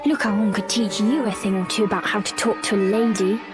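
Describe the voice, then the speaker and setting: A woman's voice: mid-range voice, steady tone, brisk, over loud music, lightly acted. A woman voicing a young girl witch, earnest and a little shy, in a storybook game.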